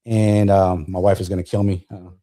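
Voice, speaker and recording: Retired Marine guest from Colombia, low voice, hesitant and good-humored. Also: male voice, little pitch movement, moderate pace, warm tone, a little hiss or hum. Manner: hesitant with many uhs, easy humor. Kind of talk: casual interview storytelling.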